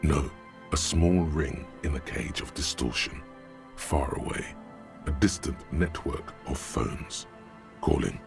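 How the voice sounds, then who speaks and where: A man voicing a grave, brooding game narrator, delivering slow, dramatic, somber narration. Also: very deep voice, gravelly, over music, heavily acted.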